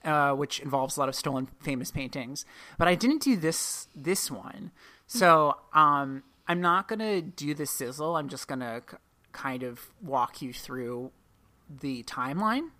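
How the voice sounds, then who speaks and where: A woman's voice: deep voice, lively intonation, a little slow, bright, forceful tone. A woman hosting a podcast, telling a story in a rambling, self-correcting way. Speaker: podcast host. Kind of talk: casual podcast chat.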